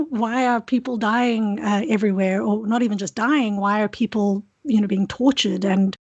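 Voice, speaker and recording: A woman with a South African accent, a PhD student, is interviewed and responds candidly and reflectively, with frequent restarts. Her pitch is medium and her speed normal. The high frequencies of the recording are cut off.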